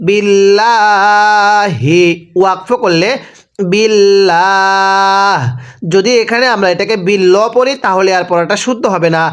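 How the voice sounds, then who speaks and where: A man with a Bangladeshi Bengali accent teaching Quran reading in a spelled-out recitation lesson. He spells each word letter by letter, then recites it slowly and draws out the sounds. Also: sits high, a bit bright.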